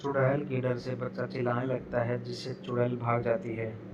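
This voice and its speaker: A male narrator tells a cartoon story from a script. His pitch is average and his intonation stays flat. There is clear noise in the recording. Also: normal speed, lo-fi sound. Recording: noticeable background noise.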